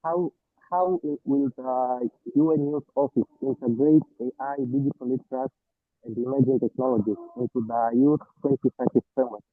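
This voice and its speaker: A man's voice: mid-range voice, fairly even intonation, moderate pace, no echo. A man from Tanzania asking an earnest, formal question over a video call. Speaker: online meeting participant asking a question. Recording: tinny phone-like call audio, dry.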